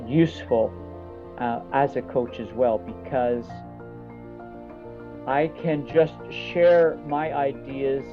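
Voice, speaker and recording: A middle-aged coach, a native English speaker, gives a personal testimonial to an audience, speaking in a halting, reflective way and pausing mid-thought. His voice is mid-range, and the slightly dull audio has music playing underneath.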